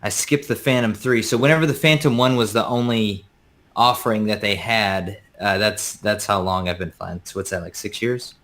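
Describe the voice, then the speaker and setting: Low-voiced male guest explaining drones. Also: moderate pace, a bit bright. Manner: friendly, explaining with hesitant uhs. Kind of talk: casual video-call chat.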